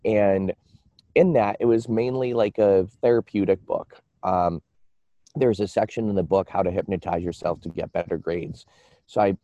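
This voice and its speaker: An American man telling personal stories casually as an interview guest, in a halting, rambling way that often repeats words. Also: fairly low pitch, mellow, dry recording. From United States.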